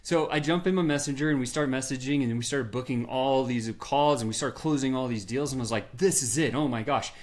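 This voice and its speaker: A middle-aged man, a podcast guest, telling his business story in a lively way and acting out the quotes. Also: medium pitch, a little fast, few pauses.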